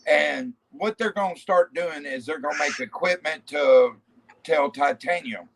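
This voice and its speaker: A man telling loud, profane, animated stories in a casual group chat. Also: a little high, unhurried, creaky, rough recording. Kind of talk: casual storytelling.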